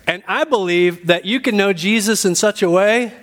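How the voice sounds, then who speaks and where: Higher-voiced man preaching a sermon. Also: moderate pace, fairly bright tone. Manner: repeats key phrases for emphasis; addresses listeners directly with questions. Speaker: pastor teaching a congregation.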